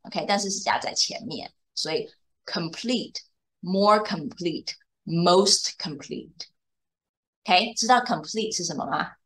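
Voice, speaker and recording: A woman's voice: medium pitch, moderate pace, fairly bright tone. A woman teaching English to a young student one on one, explaining patiently and checking often that the student follows. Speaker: English tutor. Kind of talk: bilingual tutoring lesson.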